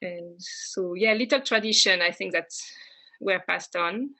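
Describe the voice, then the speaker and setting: A woman in her thirties from France with a French accent, speaking English as an interview guest, often pausing on fillers and restarting her sentences. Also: lowish voice. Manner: hesitant, many fillers and restarts, warm laughs. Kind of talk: casual conversational interview.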